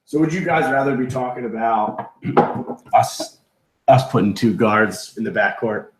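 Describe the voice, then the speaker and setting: A man's voice: mid-range voice, expressive, measured pace. A man in a casual sports debate, talking basketball as a fan on a panel. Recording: roomy echoing room sound.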